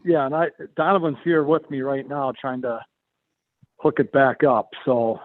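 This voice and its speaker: A man's voice: mid-range voice, measured pace. A man speaking over the phone into a public meeting, hesitant and repeating his words. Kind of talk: meeting testimony. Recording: tinny phone line.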